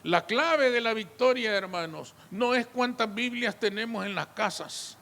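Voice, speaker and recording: Male pastor, high and bright voice, emphatic sermon delivery. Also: measured pace, creaky, long reverb tail. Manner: emphatic preaching, repeated appeals to the congregation.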